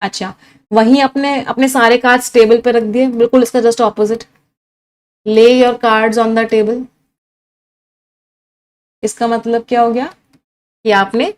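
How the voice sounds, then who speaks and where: Brisk Indian woman teaching vocabulary. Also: a little high, a little mellow. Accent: Indian English. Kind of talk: exam-prep vocabulary lesson.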